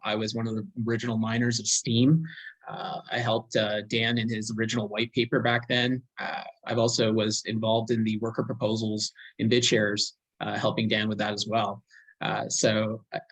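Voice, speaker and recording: A man speaks over a video call microphone, laying out his case as a candidate. He is measured and steady, and he stops often on filler sounds as he explains. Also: medium pitch, poor audio. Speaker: election candidate.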